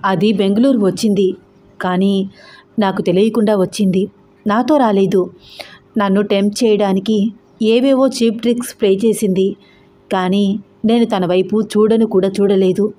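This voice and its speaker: A woman's voice: mid-range voice, fairly even intonation, moderate pace, long pauses, warm tone, lightly acted. A woman doing a pleading tearful young husband. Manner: pleading, emotional.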